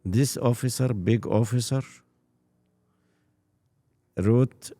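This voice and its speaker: In an interview, a Coptic priest in his eighties recounts his life in the priesthood, pausing often and repeating words. A native Arabic speaker with an Egyptian accent, he has a mid-range voice with a dark tone.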